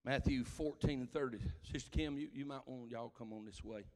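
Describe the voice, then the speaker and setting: A man's voice: medium pitch, brisk. Impassioned preacher, man, long church reverb. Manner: impassioned, swelling to shouted cries. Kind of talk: sermon. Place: church sanctuary.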